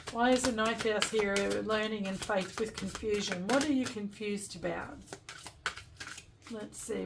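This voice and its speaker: A woman speaking as a fortune teller, thinking aloud through an oracle card reading and gently advising the listener directly. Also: medium pitch, noisy background. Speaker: tarot and oracle card reader.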